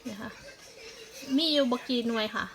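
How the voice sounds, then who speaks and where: A woman's voice: fairly high pitch, steady tone, normal speed, creaky, a bit bright, soft background music, low-quality recording. A woman with an Isan Thai accent chatting in a casual home vlog, explaining plant care step by step. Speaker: vlogger.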